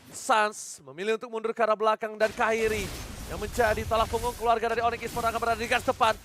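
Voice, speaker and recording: A man's voice: sits high, level tone, fast, fairly bright tone, slight background noise. A man with an Indonesian accent doing live play-by-play of an esports match as a hyped fighting game announcer.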